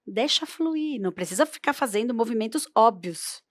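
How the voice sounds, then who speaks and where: Playful storytelling teacher. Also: female voice, on the high side, animated, normal speed, no echo, clean studio sound. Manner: playful, demonstrative, varies her voice often. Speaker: storytelling instructor. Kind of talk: workshop talk on oral storytelling.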